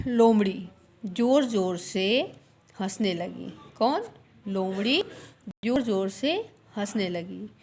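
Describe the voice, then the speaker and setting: A woman's voice: mid-range voice, expressive, takes it slowly, creaky, long pauses, a little mellow. A woman primary school teacher telling a story to young children. She repeats each line and asks quiz questions as she goes.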